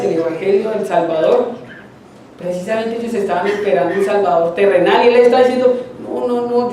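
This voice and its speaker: A middle-aged man with a Colombian accent gives a sermon in a conversational way and keeps putting questions to his listeners. His voice is mellow and a little dark in tone. It was recorded from a distance in a strongly echoing church hall, with a faint hiss behind it. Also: extremely high pitch. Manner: conversational, asks the congregation questions. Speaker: preacher. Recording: echoey hall, distant mic.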